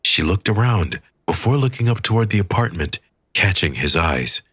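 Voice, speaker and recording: A man reading an audiobook in a measured, expressive storytelling manner. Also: deep voice, husky, no echo, studio quality. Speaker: audiobook reader. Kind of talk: scripted audiobook narration.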